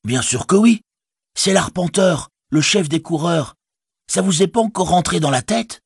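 A man voicing an eager, loyal young hobbit servant who blurts things out, with a husky voice. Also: expressive, a little slow, no room sound, studio quality, exaggerated voice. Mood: insistent. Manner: eager, blurting, high-spirited.

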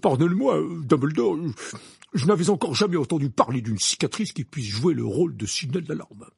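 A man's voice: a little high, lively intonation, fairly quick, creaky, darkish tone, husky, dry recording, studio quality, pitched above the performer's own voice, full character voice. A man reading an audiobook, voicing a pompous, stubborn minister who stammers and repeats his words. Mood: indignant. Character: pompous flustered male minister, stubborn and defensive. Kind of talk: audiobook character voice.

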